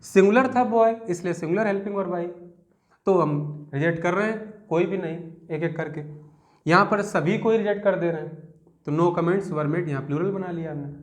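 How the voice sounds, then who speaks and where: High-voiced Hindi-accented man teaching grammar. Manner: explains step by step, asks students questions; reads example sentences out slowly. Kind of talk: classroom grammar lesson.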